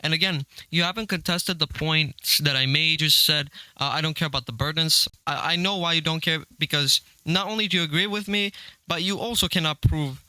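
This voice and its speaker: A man's voice: on the high side, fairly quick, bright, forceful tone, no echo, rough recording. A young man arguing his points in a casual online debate on a voice call, dismissive and insistent. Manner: argumentative, dismissive.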